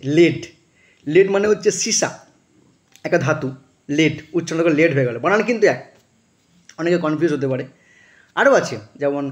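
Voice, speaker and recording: A man gives a spoken class, a touch higher in pitch than most men. He explains patiently and spells out words letter by letter. He often pauses on filler sounds while he thinks. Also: muffled recording. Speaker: English teacher.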